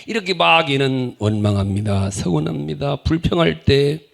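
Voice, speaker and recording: A male pastor preaching a humorous, animated sermon, acting out the voices he quotes. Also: on the high side, normal speed, creaky.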